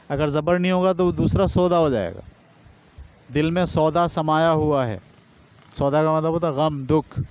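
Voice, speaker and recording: A middle-aged man giving a teacher training lecture, spelling out words slowly letter by letter. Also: fairly high pitch, a little mellow, clear, resonant tone, no echo. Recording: dull lo-fi recording.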